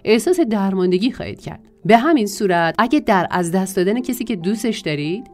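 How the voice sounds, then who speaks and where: A woman narrating a self-help audiobook in a measured reading voice, drawing out lists of words. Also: medium pitch, lively intonation, a little mellow, faint music behind.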